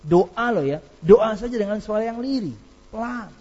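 Guy preaching casually, husky and kinda high, tells stories and laughs, quotes arabic, muffled lo-fi sound. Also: lively intonation, moderate pace, darkish tone. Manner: anecdotal, laughing, slips into Arabic quotations. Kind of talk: informal religious lecture.

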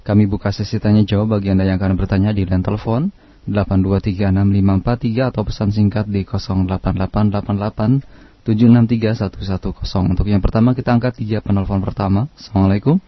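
Man hosting over AM radio, quick and flat. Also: lowish voice, dry recording. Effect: AM radio broadcast sound. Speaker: radio host. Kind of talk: radio announcing. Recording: dull lo-fi AM radio broadcast.

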